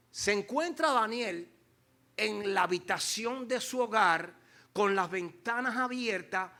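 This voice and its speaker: Male pastor, high voice, dramatic sermon, loud then hushed, talks straight to the congregation. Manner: dramatic preaching, swings between loud declarations and hushed slow phrases; addresses congregation directly, calls for responses.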